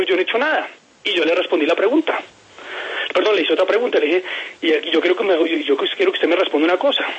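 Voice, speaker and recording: Husky man telling a personal story. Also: fairly high pitch, a bit bright, dull audio. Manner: emphatic, repeats words, voices quoted people. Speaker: interviewee.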